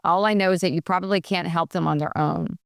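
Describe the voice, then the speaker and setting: Lady guest on a podcast, kinda low voice, gets passionate, acts out little bits of dialogue, dry close mic. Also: steady tone, quick pace, vocal fry, dry recording. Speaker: guest expert on workplace bullying. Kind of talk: podcast conversation, advice-giving.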